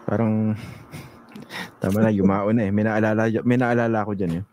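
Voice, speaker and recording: A man hosting a casual political talk, relaxed and chuckly, often ending lines with tag questions. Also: on the low side, a little fast. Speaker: host.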